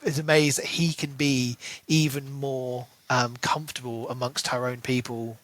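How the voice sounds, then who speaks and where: A man with a mid-range, slightly bright voice talks at a moderate pace with flat delivery on a rough recording. As a podcast co-host in a casual book chat, he speculates, asks rhetorical questions along the way, and acts out quotations.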